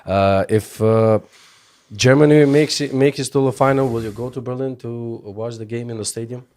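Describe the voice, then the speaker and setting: A man's voice: mid-range voice, normal speed, a little mellow. A man hosting a radio interview, asking his questions with many hesitations. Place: radio studio.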